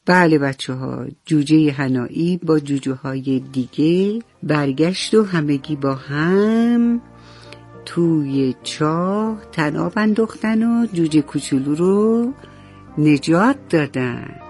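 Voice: medium pitch, lively intonation, darkish tone, faint music behind. A storyteller narrating a children's story, speaking directly to the young listeners and asking them questions.

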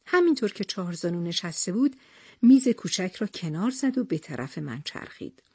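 A woman narrating a memoir in the first person, with soft, emotional storytelling. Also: on the low side, husky, no echo, studio quality.

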